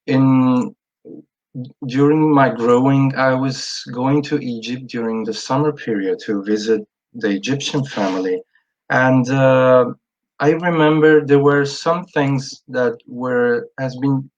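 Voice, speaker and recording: A man in his thirties from Italy, a guest telling his story in a casual interview, often pausing with fillers and restarting. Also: lowish voice. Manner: hesitant, many fillers and restarts. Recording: dull lo-fi sound.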